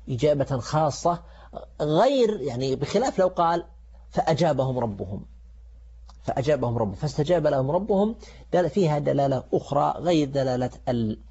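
A male religious teacher explains scripture grammar in formal Standard Arabic. His voice is mellow and rather high for a man, and he often stumbles and repeats words as he works through a point. The audio is dull and muffled. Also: breathy edge. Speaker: religious teacher presenting a show. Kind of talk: Quranic grammar lesson, semi-improvised lecture.

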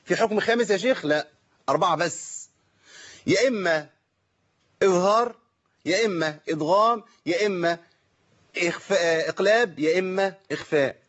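A man's voice: sits high, normal speed, pauses often, a bit bright. A man with an Egyptian accent teaching Quran recitation in an online lesson, asking questions and answering them himself. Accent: Egyptian Arabic. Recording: dull lo-fi call audio.

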